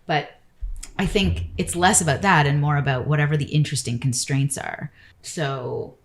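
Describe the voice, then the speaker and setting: Low-voiced chatty woman architect. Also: normal speed. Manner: chatty, rambling, full of "like" and "you know". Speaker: architect guest. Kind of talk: casual interview chat.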